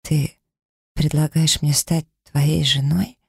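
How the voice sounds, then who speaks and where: A man reading a romance audiobook, voicing an emotional young woman in love with a raised pitch and a breathless, pleading manner. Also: little pitch movement, slow pace, vocal fry, breathy edge, no room sound, clean studio sound, exaggerated voice. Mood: tender.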